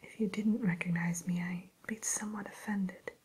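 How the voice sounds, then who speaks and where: A woman playing a haughty evil fairy-tale queen turned shopkeeper in a breathy ASMR whisper, speaking in a genteel, unhurried way. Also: medium pitch, steady tone, a little mellow, low-quality recording. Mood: haughty, aloof. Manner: genteel, aloof, unhurried, hesitant pauses.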